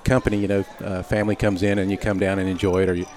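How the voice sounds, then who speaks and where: A man's voice: low voice, flat delivery, very fast, a little mellow. A man, a race car engineer, answering interview questions hesitantly with many fillers. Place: restaurant by the ocean.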